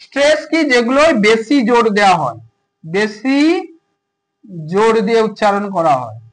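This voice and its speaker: A man's voice: high-pitched, big pitch swings, normal speed, a bit bright, rough recording. A man teaching a grammar lesson, repeating points and checking understanding with questions. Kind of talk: grammar lesson explaining to students.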